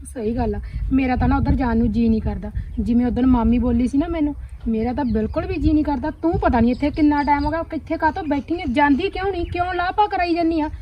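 A woman with a Punjabi accent acts in a village drama, a Punjabi short film, speaking in a high-pitched voice close to her everyday one. She bluntly scolds a cousin and fires off rapid advice, while the outdoor sound is distant, dull and noisy.

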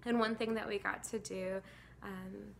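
Woman in her 30s, gravelly voice, earnest testimony, faint ambient hiss. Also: medium pitch, level tone, unhurried. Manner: earnest and emotional, with frequent fillers and laughs. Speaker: church volunteer sharing a testimony. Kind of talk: casual spoken testimony to camera. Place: indoors against a plain grey wall.

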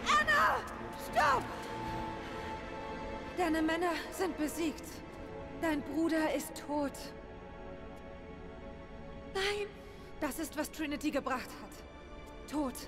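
A woman voicing a determined young adventurer in a dubbed video game, resolute and forceful. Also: sits high, takes it slowly, pauses often, music in the background.

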